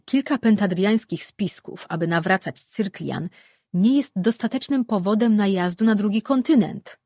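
An audiobook reader voicing a cautious male god who speaks in a firm, measured way. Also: medium pitch, a little mellow, no room sound, studio quality, pitched above the performer's own voice, natural voice.

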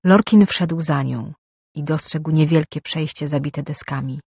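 An audiobook narrator reading a novel with steady, measured scripted narration. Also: mid-range voice, husky, dry recording, studio quality.

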